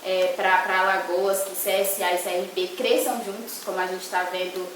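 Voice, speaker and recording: A young woman from Ceará in northeastern Brazil, a sports commentator and journalism student, answers interview questions conversationally as a guest, often tagging phrases with a checking "right?" in her northeastern Brazilian accent. Her medium-pitched voice is flat at a normal speed, recorded in a very echoey room with a distant mic and faint hiss.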